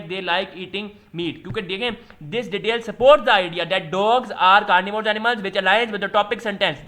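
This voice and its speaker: A man with a Pakistani accent, explaining entry test questions as a tutor in a loose, chatty way, reading English questions out slowly. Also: sits high, bright, forceful tone. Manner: switches to slow, deliberate pace when reading English questions; loose, chatty teaching with fillers.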